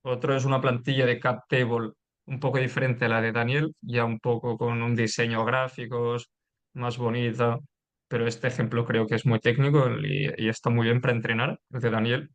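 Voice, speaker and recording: Brief: male webinar host, courteous and orderly, mid-pitched. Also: level tone, moderate pace. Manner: polite, wrapping up and giving instructions. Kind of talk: hosting a webinar.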